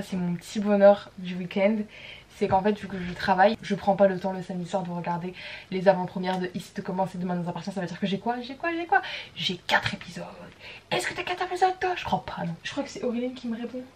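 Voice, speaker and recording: A woman's voice: medium pitch, fairly even intonation, quick pace, a little mellow, slight background noise. A young woman, chatting casually in a bubbly, playful vlog and dropping English slang. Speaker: vlogger.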